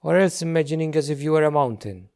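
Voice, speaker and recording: With a slightly high, clean-toned voice, a man leads a guided meditation as its teacher. He speaks softly in short, relaxed phrases, pausing often.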